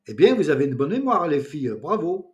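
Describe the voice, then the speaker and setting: A man's voice: fairly high pitch, very animated, brisk, pitched above the performer's own voice. A man voicing a bossy, teasing small-town mayor chairing a meeting.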